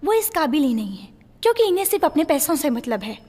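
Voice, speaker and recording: Bold young woman: high voice, assertive, in a reverberant film mix with faint score. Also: big pitch swings, fast, darkish tone. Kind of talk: film dub.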